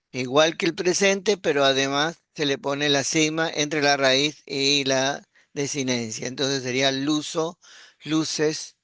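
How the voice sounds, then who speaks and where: A man teaching a Greek grammar class online, explaining patiently and often checking in with a quick question. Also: on the high side, fairly bright tone, no room sound, studio quality. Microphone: computer mic while screen sharing.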